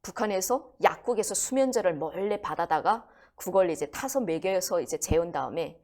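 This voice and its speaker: A woman's voice: lowish voice, normal speed. A woman telling a crime story in a conversational way, acting out the quoted voices. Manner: animated, acts out quoted voices. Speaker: guest storyteller.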